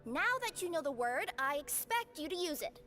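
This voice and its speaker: Snippy talking cat spirit, woman acting, very high and lively voice, indignant. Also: normal speed, loud music behind the voice. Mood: sarcastic. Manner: indignant, sarcastic.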